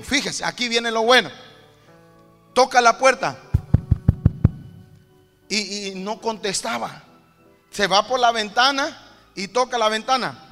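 A male preacher tells a parable in a lively sermon, voicing its characters as he goes. His voice sits very high and sounds bright and forceful. The sound carries a long church-hall reverb with faint music underneath. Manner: animated storytelling, acting out the parable's characters; addresses the congregation as "hermano".

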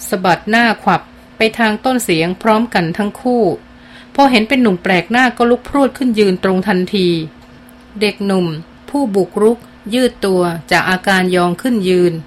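A woman reads a novel aloud in a measured, expressive style. Her voice sits at a middling pitch, with faint noise underneath. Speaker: audiobook narrator. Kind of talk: scripted narration.

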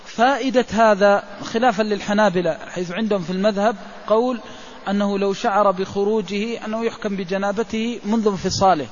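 A man, a religious scholar, explains a classical legal text in a measured lecture and pauses on drawn-out fillers. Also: sits high, fairly even intonation. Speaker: religious scholar teaching jurisprudence. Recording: dull lo-fi recording with faint hiss.

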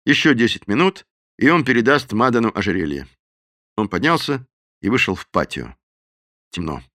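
A man narrating an audiobook with dramatic, expressive reading. His voice is bright and forceful, rising and falling widely. The recording is dry and close. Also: lowish voice, normal speed, no echo. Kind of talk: scripted narration.

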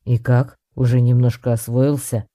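A man voicing a streetwise male tomcat, calm and patient, who speaks in a steady drawl that is slightly condescending. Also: mid-range voice, normal speed, no room sound, studio quality, lightly acted.

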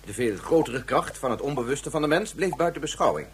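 Briskly and with animation, a man plays Yukio, a pedantic scientist in a sci-fi radio drama who shifts from lecturing formally to being a distraught father. His mid-range voice sounds close to his everyday speech, and the recording carries noise and hum.

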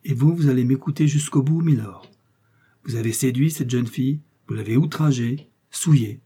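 This is a stern, zealous officer making insistent demands in an audiobook, as a male narrator acts him out, louder than the reader. The voice is dark and husky. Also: medium pitch, moderate pace, lightly acted. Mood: pleading. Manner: fervent, pleading, insistent.

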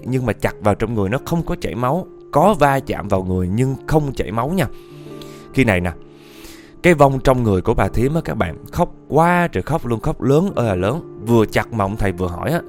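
Man, low voice, chatty ghost story narration, talks to listeners, faint music behind. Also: darkish tone. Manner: chatty storytelling, often addressing the listeners directly.

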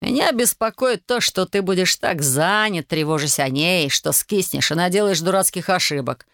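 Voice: medium pitch, moderate pace, fairly bright tone, no room sound, clean studio sound, lightly acted. A reader voicing a scheming, wounded male soldier who urges and presses in an audiobook. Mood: pressing. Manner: insistent, urgent persuading. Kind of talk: audiobook character voice.

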